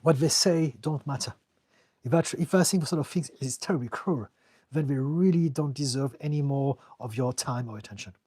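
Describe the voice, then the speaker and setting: This man from France, a therapist, takes viewer questions during a live-stream Q&A, offering casual advice earnestly and directly, occasionally repeating words as he gropes for them. His French-accented voice is medium-pitched and husky, a little mellow, at a normal speed with no echo.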